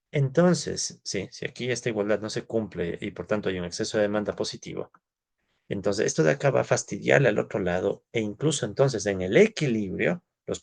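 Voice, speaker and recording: A man's voice: on the low side, vocal fry. A man from Ecuador, giving an informal university economics lecture. He talks conversationally, thinks aloud, and keeps checking in with his students with short tag questions.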